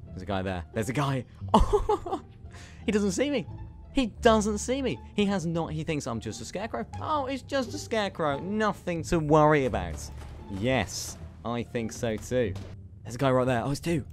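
A young man giving excitable, giggly commentary over his own gameplay, talking to himself as he plays. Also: medium pitch, moderate pace, faint music behind. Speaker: gaming YouTuber.

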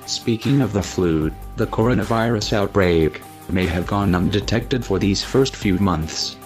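Anonymous male narrator, disguised deep voice-changer sound, very low, grave scripted read, faint music behind. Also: darkish tone.

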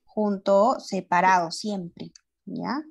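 A woman's voice: mid-range voice, slow pace, gravelly. A woman teaching young pupils, patiently going over each step and checking with questions. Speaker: primary school teacher.

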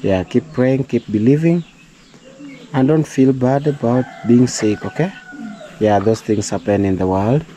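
A medium-pitched, mellow voice, a little slow, comes through a low-quality recording with a little hiss or hum. It belongs to a young Kenyan vlogger talking casually to camera outdoors at a rural home in Kenyan-accented English, his second language. He's chatty, calls viewers "guys," and sometimes turns preachy with prayerful encouragement.

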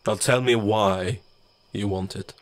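A man's voice: fairly low pitch, steady tone, takes it slowly. A man voicing a mocking, formless shadow entity. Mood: taunting. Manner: taunting, smooth and condescending. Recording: long reverb.

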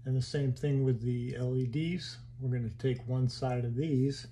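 A man casually walking through his hobby wiring build in a home workshop, halting and thinking aloud as he handles parts. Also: mid-range voice, fairly even intonation, dark tone, slight background noise.

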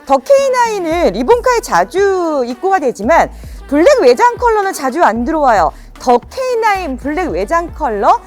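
A woman presenting a used car in a slick, polished sales pitch, full of rhetorical questions like a practiced dealer. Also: sing-song, moderate pace, hardly any pauses, faint music behind.

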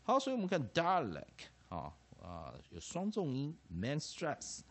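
A man's voice: a little high, unhurried. A man with a Taiwanese Mandarin accent, giving a classroom-style English phonics lecture, who keeps tagging phrases with "ah" and "ha" and repeats key terms. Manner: lively, peppers phrases with 'ah' and 'ha', repeats terms. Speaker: English teacher.

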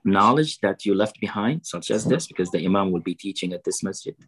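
A man giving a fundraising sermon over a video call. He quotes Arabic sayings, then translates and explains them slowly. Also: low-pitched, expressive, poor audio. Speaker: preacher at a fundraiser.

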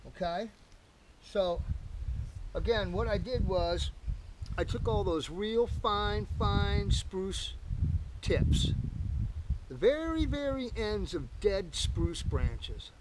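An older camping vlogger builds a campfire at a lakeside campsite fire pit, chatting casually and folksily to camera and calling viewers folks. His high, animated voice moves slowly with frequent pauses, caught by a camera-mounted mic a few meters off against a noisy background.

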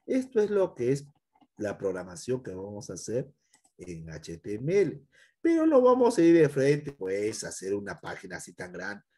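A man's voice: mid-range voice, huge pitch swings, moderate pace, creaky, darkish tone. A middle-aged male computer teacher, recording a lesson and talking straight to a student, sometimes acting out the student's fears. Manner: talks straight to one student, acts out pupils' fears.

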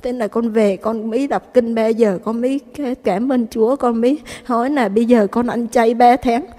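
A woman's voice: a little high, steady tone, moderate pace, mellow, long reverb tail. A woman gives a rambling spoken faith testimony to a priest, repeating herself and addressing him humbly as a mother.

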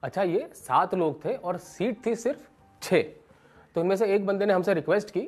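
A man in his thirties performs stand-up storytelling straight to the camera in a small indoor room. He tells it with animated energy, slipping into other people's voices. Faint music sits quietly underneath. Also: high-pitched, normal speed. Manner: animated, acts out characters with raised voice. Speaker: stand-up comedian.

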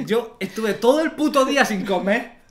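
Unhurried but animated, a young man from Almería with an Andalusian accent co-hosts a podcast, telling anecdotes, laughing often and performing quotes. His voice is high-pitched. He's at a desk in a small studio room with a desk microphone on a stand.

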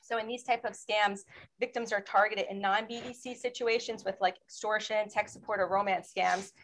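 A woman's voice: medium pitch, normal speed, slight background noise, poor audio. Woman presenting at a webinar. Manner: steady, explanatory, asks for slide changes. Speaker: federal law enforcement panelist.

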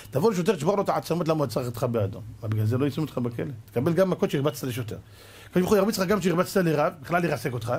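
A middle-aged rabbi delivers a fiery sermon in a husky, somewhat high voice. He scolds and argues with rhetorical questions and acts out the voices of the people he quotes. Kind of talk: Torah sermon.

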